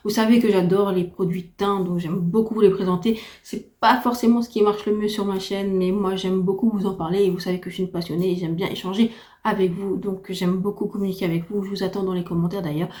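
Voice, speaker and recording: A woman's voice: mid-range voice, fairly even intonation, quick pace, a little mellow. A woman giving a chatty, enthusiastic beauty review to camera, her unsteady voice giving out after a heavy cold. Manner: chatty, enthusiastic, repetitive emphasis. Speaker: beauty vlogger. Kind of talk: casual product review to camera.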